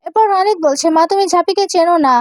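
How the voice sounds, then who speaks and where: A woman with a high voice retells a TV serial episode scene by scene, reading every character's lines in her own plain voice. She pauses now and then on fillers. The recording is dry and close. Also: no room sound. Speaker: serial synopsis narrator.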